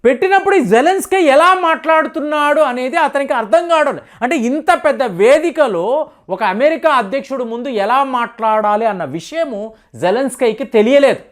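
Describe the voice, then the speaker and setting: A woman giving casual, animated news commentary who acts out what leaders said. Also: sits high, moderate pace.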